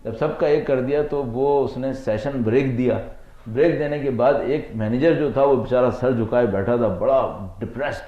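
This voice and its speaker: A man with a Pakistani Urdu accent giving a religious lecture as a cleric, telling anecdotes slowly and asking rhetorical questions. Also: mid-range voice. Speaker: Shia cleric. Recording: echoey, dull lo-fi lecture recording.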